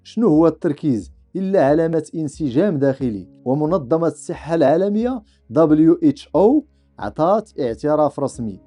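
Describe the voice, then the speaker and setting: A man's voice: a little high, expressive, a little fast, warm tone. A man with a Moroccan accent giving reflective, rhetorical scripted narration for a podcast. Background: faint music.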